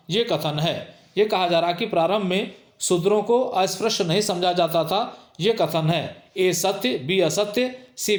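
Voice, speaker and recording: A man's voice: sits high, roomy sound. A middle-aged male sociology teacher giving an exam-prep lecture, reading each multiple-choice question twice before stating the answer. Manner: reads each question twice, then gives the answer with emphatic repetition.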